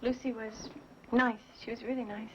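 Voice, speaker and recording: An actress playing a fragile, haunted young woman with halting speech in a 1970s TV horror mystery, on a dull, noisy soundtrack. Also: on the high side, little pitch movement, lightly acted. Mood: subdued, sad. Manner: hesitant, halting.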